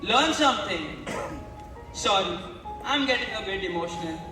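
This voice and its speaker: A man's voice: sits high, lively intonation, measured pace, over music. A male student playing a theatrical, sentimental aging nobleman in a school stage play. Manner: grand, sentimental declaiming. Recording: echoey hall from far off.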